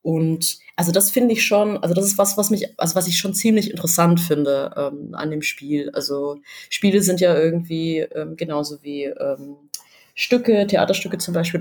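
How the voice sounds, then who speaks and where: A woman's voice: lowish voice, a little mellow, breathy edge. A woman from southern Germany, a guest on a casual game podcast, who rambles through her thoughts with lots of fillers and slangy words. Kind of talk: casual podcast chat about games.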